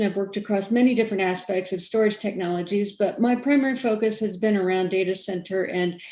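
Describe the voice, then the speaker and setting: Woman, keynote speaker, quick delivery, mellow tone, roomy muffled sound. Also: medium pitch. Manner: fast-talking, self-aware about speed. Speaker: keynote speaker, storage architect. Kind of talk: conference keynote presentation.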